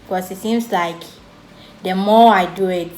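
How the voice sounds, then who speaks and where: A young woman with a Ghanaian English accent tells a storytime vlog, talking slowly and unhurriedly. She is chatty and lighthearted even about serious matters. Her voice echoes in the room, with faint noise behind her. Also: mid-range voice. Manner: slow, chatty, jokes and laughs about serious things. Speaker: vlogger.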